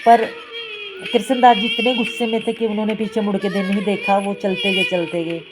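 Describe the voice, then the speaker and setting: A woman's voice: mid-range voice, flat delivery, fairly quick. Woman telling a devotional story over music. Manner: simple, repetitive storytelling. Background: instrumental music.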